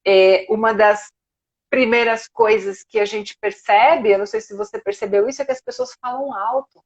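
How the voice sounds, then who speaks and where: A woman who teaches Spanish, talking in a live video chat and acting out quoted speech in an animated way. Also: a little high, normal speed, dull audio. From Brazil.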